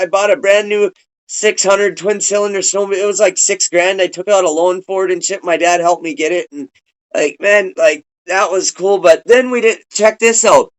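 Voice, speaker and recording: A man's voice: high voice, smooth, low-quality recording. A man interviewing a guest over a video call, laid-back and rambling, swearing casually. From Minnesota.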